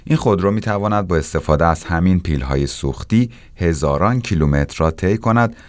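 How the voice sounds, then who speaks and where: A man's voice: sits low, expressive, no echo. A man presenting technology news as scripted narration.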